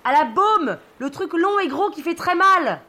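A woman voicing her friend shouting advice from high on a sailing boat, high and bossy. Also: steady tone, fast. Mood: explaining.

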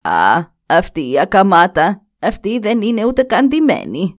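A woman voicing a spiteful, scornful old stepmother in a storybook tale, sneering at her stepdaughter and shrill when outraged. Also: sing-song, close to an everyday voice.

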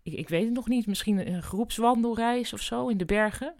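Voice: mid-range voice, moderate pace, creaky, pitched above the performer's own voice, lightly acted. Narrator doing a timid, stammering young woman. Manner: hesitant, stammering. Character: timid hesitant young woman office worker.

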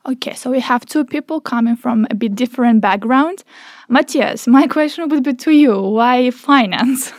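A woman's voice: on the high side, normal speed, no echo, studio quality. Woman from Ukraine hosting a podcast. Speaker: podcast host. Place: small studio.

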